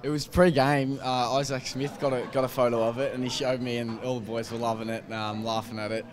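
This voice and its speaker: In this post-match interview, a young Australian footballer talks briskly in a medium-pitched, level voice. He stumbles with fillers and restarts into a handheld mic held by the interviewer, in team rooms near a sponsor wall, crowd noise in the background.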